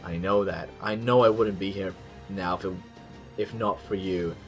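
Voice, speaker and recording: A man reading as a quiet, remorseful young knight. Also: deep voice, fairly even intonation, normal speed, faint music behind. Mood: solemn.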